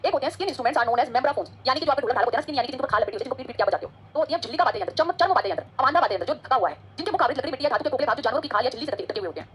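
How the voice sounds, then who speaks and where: A woman's voice: high-pitched, expressive, very fast, few pauses, a bit bright, slight background noise. A woman teaching an exam-prep lecture, chatty and code-switching between Hindi and English.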